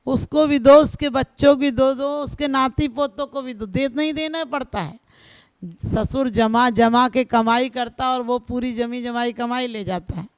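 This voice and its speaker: A woman preacher, a Jain nun, giving a devotional sermon with a folksy, humorous touch. Her voice is gravelly, yet full and smooth, and it is heard dry and close. She builds her points in rhythmic, exhorting lists. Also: a little high, measured pace, no room sound. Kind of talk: devotional sermon with folk stories.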